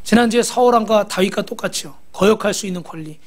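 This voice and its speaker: A man's voice: high-pitched, fast talker. A pastor preaching a sermon. He exhorts the congregation, asks them rhetorical questions and has them repeat after him.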